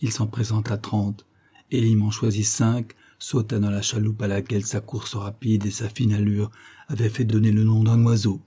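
A man reading a classic novel aloud as scripted narration in a steady, dramatic manner. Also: on the low side, moderate pace, slightly rough. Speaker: audiobook reader.

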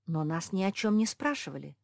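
A woman's voice: fairly low pitch, very animated, fairly quick, vocal fry, no room sound, clean studio sound. A woman voicing a nervous, earnest female pug. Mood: puzzled. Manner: earnest, anxious.

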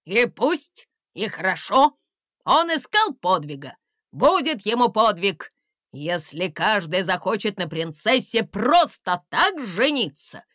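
A woman's voice: mid-range voice, big pitch swings, slow pace, fairly bright tone, no room sound, clean studio sound. A woman reading aloud and voicing a bossy, grumpy middle-aged king. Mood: indignant.

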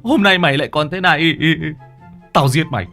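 A man's voice: on the high side, lively intonation, a little fast, sharp tone, faint music behind, pitched above the performer's own voice. A man voicing a furious, jealous bald old husband who bellows curses in a Vietnamese ghost story. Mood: enraged. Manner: bellowing, cursing.

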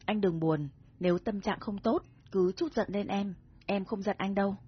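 Woman reading as a shy husky young woman. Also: medium pitch, moderate pace. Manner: shy and playful. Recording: dull recording with soft music.

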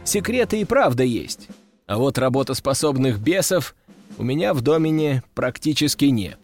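A man's voice: medium pitch, sing-song, moderate pace, darkish tone, soft background music. A man voicing a smug, scheming commander who gives bold orders in an audiobook. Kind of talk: audiobook dialogue.

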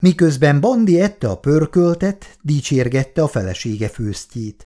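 Man narrating a story, calm, mellow tone, lively pitch. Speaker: reader.

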